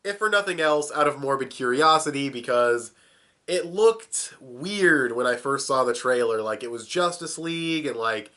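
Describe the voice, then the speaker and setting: A young man with a cold, his voice plugged up, casually reviews a cartoon for a video, swearing and chuckling as he goes. His mid-range voice is animated, bright and forceful at a normal speed.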